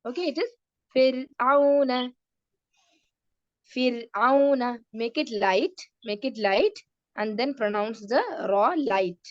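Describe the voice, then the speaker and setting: Woman teaching kids, slow drawn-out speech, fairly high voice, dry dull lo-fi sound. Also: sing-song, no echo. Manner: mixes English into her talk. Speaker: Quran recitation teacher. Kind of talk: online class teaching kids.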